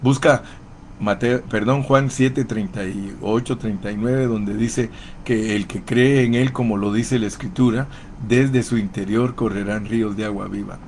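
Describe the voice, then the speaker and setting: A man's voice: fairly low pitch, fairly even intonation, measured pace, a little mellow, slight background noise. A man preaching a Bible study as a pastor, fervently repeating short exhortations. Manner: fervent, repetitive chanting exhortations.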